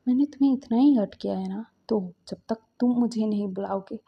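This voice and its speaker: A woman's voice: mid-range voice, a little fast, vocal fry, slightly rough. A woman voicing a remorseful young man in a storybook romance who pleads and apologizes. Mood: bitter, defiant. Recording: dull lo-fi recording.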